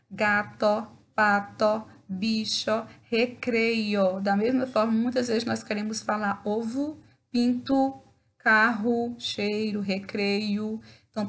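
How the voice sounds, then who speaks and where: A woman's voice: a little high, vocal fry. A Brazilian woman teacher giving a recorded lesson to schoolchildren, patiently spelling out words syllable by syllable and checking in after each point. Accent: Brazilian Portuguese.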